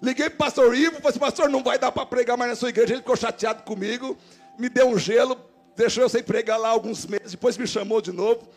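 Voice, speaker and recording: A man with a Brazilian Portuguese accent, a pastor giving an animated sermon and acting out the dialogue in his stories. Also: very high-pitched, quick pace, faint music behind. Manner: animated preacher voicing quoted dialogue. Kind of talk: sermon with storytelling. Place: church service.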